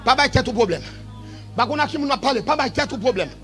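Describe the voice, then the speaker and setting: A man preaching a revival sermon in a shouted, sing-song style that falls to quieter stretches. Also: very high voice, animated, fast talker, faint music behind.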